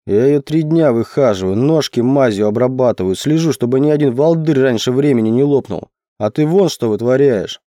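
A man voicing a huge, gruff and domineering forest man who speaks slowly and low in commands. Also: big pitch swings, mellow, no echo, studio quality. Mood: stern. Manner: slow, low, growling commands.

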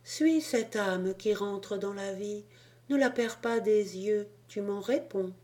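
A gentle, all-powerful heavenly lord speaks softly and solemnly, read by a woman. His lines come slowly in a mellow, dark tone. He sounds calm and certain. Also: mid-range voice, natural voice.

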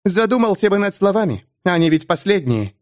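A blunt young archer woman snaps out short, sharp lines in a raised voice, as a male narrator puts her on. Her tone is fierce and unsoftened. It is a plain audiobook reading. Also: very animated, fairly quick. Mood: cold threatening. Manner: curt, sharp, raised pitch. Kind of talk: audiobook character voice.

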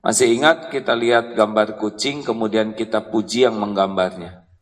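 A man preaching a humorous sermon to an audience, animated and joking. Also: moderate pace, in a large hall, low-quality recording. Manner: animated, joking, jumps into high voices for quotes.

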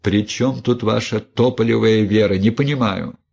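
A man's voice: on the low side, moderate pace, gravelly, a little mellow, husky. A man voicing a severe, reproachful older abbess who preaches and questions sharply. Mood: curt questioning. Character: stern older abbess of a women's convent.

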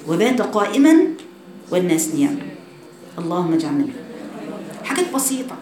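A woman's voice: medium pitch, reverberant. A woman with an Egyptian Arabic accent giving a religious lesson to women, speaking to them directly and with animation. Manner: animated, addresses listeners directly. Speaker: religious teacher.

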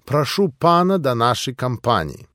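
A man voicing a haughty Polish gentleman with a Polish accent, speaking in slow, grandiloquent declamations. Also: mid-range voice, big pitch swings, no room sound, studio quality. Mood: gallant.

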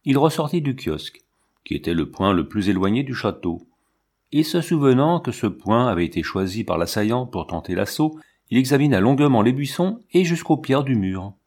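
A man narrating a classic novel as an audiobook in a measured, even storytelling manner. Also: medium pitch, breathy edge.

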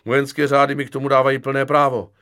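A man's voice: mid-range voice, monotone, fairly bright tone, pitched above the performer's own voice, close to an everyday voice. A man voicing a cheeky, stubborn young army private who speaks with stiff formality. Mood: insistent. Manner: earnest, mock-formal, insistent.

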